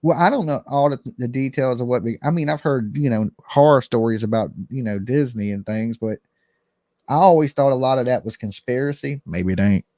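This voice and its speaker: A man's voice: medium pitch, brisk, dark tone, no echo, studio quality. A middle-aged man hosting a call-in show, giving casual commentary in plain, colloquial speech. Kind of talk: casual live commentary and chat.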